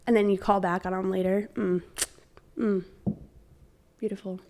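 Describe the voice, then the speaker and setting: A woman's voice: mid-range voice, flat delivery, moderate pace, darkish tone. A young woman co-hosting a podcast in casual chat, rambling with lots of fillers and playful acted-out quotes. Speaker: podcast co-host.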